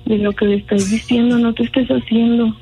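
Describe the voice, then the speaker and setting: A woman's voice: on the high side, level tone, normal speed. A woman taking a call, sleepy, curt and suspicious. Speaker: prank call target, fiancée. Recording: tinny phone line on air. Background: radio show music.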